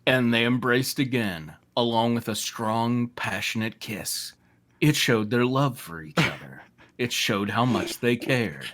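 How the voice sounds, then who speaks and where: With a slightly bright, medium-pitched voice and lively intonation, a person reads fan fiction to friends at a measured pace. The mock-dramatic performance is interrupted by amused asides, and the group often breaks into laughter.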